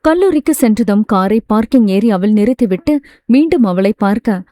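A woman reading a romance novel aloud as a steady, smooth storyteller. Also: fairly high pitch, moderate pace, dry recording. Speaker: audiobook narrator. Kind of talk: scripted narration.

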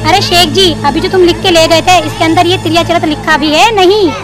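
High-voiced teasing woman over music. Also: steady tone, brisk. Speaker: village water-carrier woman in a sketch. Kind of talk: low-budget comedy sketch acting. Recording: music playing behind.

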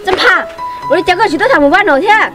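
A woman acting in an amateur drama, talking in a rapid, chattering way. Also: very high-pitched, lively intonation, music in the background.

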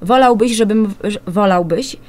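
A woman voicing a cheeky twelve-year-old boy who teases his siblings loudly in a storybook reading. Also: mid-range voice, moderate pace, voice pushed up, lightly acted. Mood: boastful. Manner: loud, mocking, squealing.

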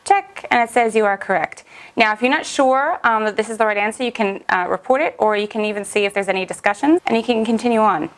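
A woman's voice: a little high, fast. A young woman vlogging in a casual, upbeat way as she reviews a language app, chatty and full of little fillers.

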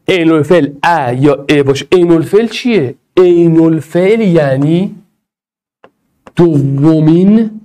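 A male teacher gives an energetic Arabic grammar lesson, talking straight to his students. His voice sits high and leaps widely in pitch as he plays with the class and urges them along. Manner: animated, playful, addresses students directly.

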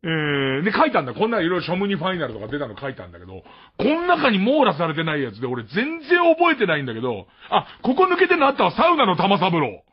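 Husky-voiced man rambling on late-night radio. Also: high voice, wildly swooping pitch, fast talker, hardly any pauses. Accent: Tokyo. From Tokyo. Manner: rambling and self-mocking, chuckling often. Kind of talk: casual radio monologue. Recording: muffled mono radio archive.

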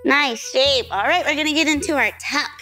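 A woman's voice: sits high, brisk, bright, forceful tone, faint music behind. A young woman gymnastics coach giving an upbeat, encouraging lesson on a kids' show.

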